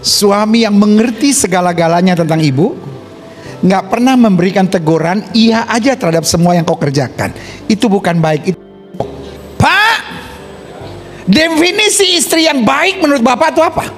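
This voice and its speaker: A male pastor giving a lively sermon, asking the congregation questions and acting out small scenes in put-on voices. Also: sits high, normal speed, soft background music.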